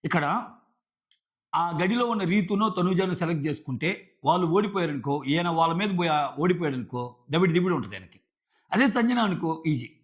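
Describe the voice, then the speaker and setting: Man, reality show reviewer, argumentative, high pitch, swinging intonation. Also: a little fast. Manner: animated, argumentative, acts out contestants' lines. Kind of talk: casual spoken commentary. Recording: dull lo-fi audio.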